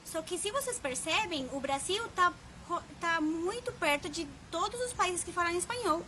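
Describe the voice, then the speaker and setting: A Colombian-born woman in her thirties, a Spanish teacher, talks casually to camera in a very high voice. She tells chatty stories and acts out quoted lines. A faint hiss sits under the recording. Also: lively intonation, normal speed, bright, forceful tone. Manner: chatty storytelling with quoted dialogue. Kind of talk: casual vlog talk to camera.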